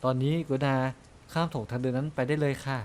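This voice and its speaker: A man voicing a calm, polite invisible woman who works as a bar clerk in a game, speaking softly and courteously. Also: medium pitch, fast, a little hiss or hum, natural voice.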